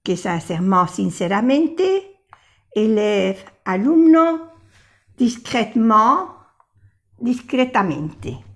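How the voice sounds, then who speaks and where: An older woman teaching a language lesson, patiently explaining and repeating each example word slowly. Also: a little high, expressive, a bit bright.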